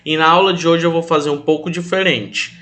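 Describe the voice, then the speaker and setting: A young Brazilian man teaching English to children online, calling his pupils affectionate names and drilling new words slowly for them to repeat. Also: fairly high pitch, fairly even intonation, pushed and bright. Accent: Brazilian Portuguese. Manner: affectionate, calls pupils "meus amores", speaks of himself as "tio".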